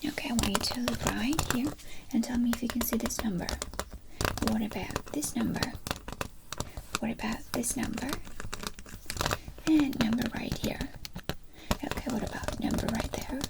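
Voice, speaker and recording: A woman whispering a fast, brisk ASMR whispered role-play as a medical examiner, giving short instructions and questions. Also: a little high, vocal fry, rough recording.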